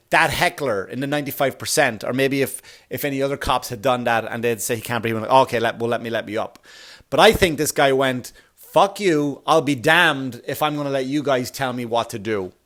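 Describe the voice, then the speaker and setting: A man's voice: mid-range voice, fairly bright tone. A man from Ireland, hosting a podcast in a blunt, profane, rambling comedic monologue full of restarts. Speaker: podcast host.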